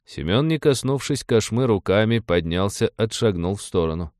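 A man's voice: on the low side, lively intonation, normal speed, a little mellow, no echo, studio quality. A man narrating an audiobook, reading expressively and voicing every character himself.

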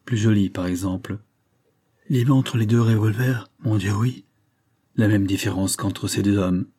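A man reading a literary novel aloud in measured, steady storytelling. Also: lowish voice, husky. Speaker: audiobook narrator. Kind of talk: literary audiobook narration.

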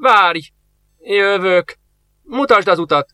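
A man voicing a frightened old male embalmer who pleads in a high, anxious voice. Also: very animated, sharp tone, heavily acted.

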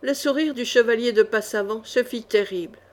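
A woman narrating a swashbuckling historical novel as an audiobook, expressive and measured. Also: a little high.

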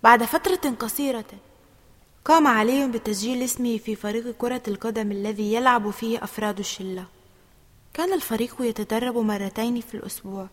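A woman narrating a children's storybook in an expressive, steady reading voice. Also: a little high, brisk, long reverb tail.

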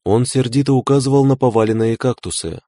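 A man narrating a novel in a steady, unhurried reading. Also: medium pitch, no echo, studio quality. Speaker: audiobook narrator. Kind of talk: scripted narration.

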